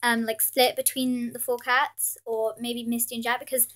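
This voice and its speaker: Sniffly with a cold, this high-voiced British teen girl runs a pet channel and rambles through a casual haul vlog, apologizing and filling gaps constantly. Her pitch barely moves, her speed is normal and her tone a bit bright, while an overhead camera films her hands at an indoor table decked with Christmas decorations.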